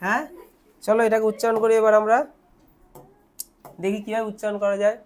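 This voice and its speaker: Her voice is mid-range, level and somewhat dark as this young Bengali-accented teacher works through a lesson one step at a time. She asks herself questions, supplies the answers, and says words again slowly.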